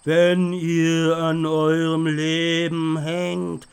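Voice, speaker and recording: Menacing haunted armor voiced by a storyteller, hollow, hoarse, slow booming threats, strange strained timbre. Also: completely flat delivery. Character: ghostly talking suit of armor, menacing, hollow. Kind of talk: audiobook character voice.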